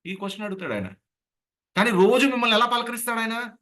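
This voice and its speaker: A man with a Godavari Telugu accent giving an animated lecture on voice modulation as a public speaking trainer over a video call. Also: very high-pitched, fast. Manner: animated, slips into acted voices.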